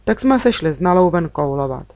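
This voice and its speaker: A woman narrating a children's audiobook in the first person, with an even, storytelling delivery. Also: lowish voice, no echo. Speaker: audiobook reader.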